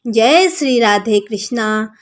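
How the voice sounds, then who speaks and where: A woman narrating a devotional story in a measured storytelling manner. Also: a little high, animated.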